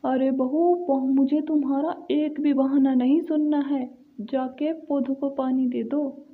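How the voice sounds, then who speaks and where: A woman's voice: sits high, fairly even intonation, measured pace. A woman voicing a strict, scolding middle-aged mother-in-law in a cartoon story. She talks in a bossy, reproachful way. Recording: thin phone-like sound.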